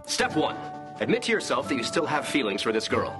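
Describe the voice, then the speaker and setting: A smug, cocky schemer, as an actor plays him, walking through his plan step by step in a swooping, lively voice. Music plays clearly behind him. He sounds thoroughly pleased with himself. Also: medium pitch, a little fast, close to an everyday voice. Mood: scheming. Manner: confident, showy step-by-step explaining of a scheme. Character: smug adult man, a cocky schemer laying out seduction plays. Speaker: sitcom character. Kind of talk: scripted sitcom acting.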